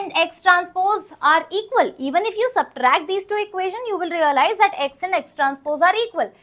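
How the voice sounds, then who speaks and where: A woman's voice: very high-pitched, sharp tone. A woman with a North Indian accent teaching maths live, emphatic, repeating phrases and checking understanding with questions. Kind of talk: live online exam-prep lesson, working through problems aloud.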